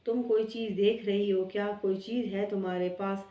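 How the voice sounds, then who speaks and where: A woman reading the part of a caring, devout young man who fusses with gentle concern over someone on the phone. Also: sits high, fairly even intonation, natural voice. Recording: roomy sound from a distant mic.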